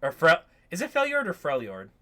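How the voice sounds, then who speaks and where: A man's voice: fairly high pitch, wildly swooping pitch, a little fast, pushed and bright. A man co-hosting a casual reaction chat, rambling, swearing freely and often restarting his sentences. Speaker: podcast co-host.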